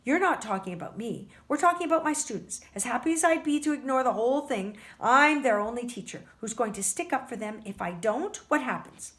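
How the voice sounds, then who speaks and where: A woman reading aloud as a gruff, stubborn male middle-school teacher who speaks sharply. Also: a little high, lively intonation, a little fast, few pauses, a bit bright.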